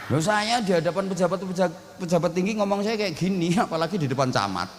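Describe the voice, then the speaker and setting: A man's voice: high-pitched, expressive, fast, in a large hall, background noise. A man with a Javanese accent preaching a humorous sermon, blunt and joking, speaking outspokenly to a gathering. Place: outdoor religious gathering.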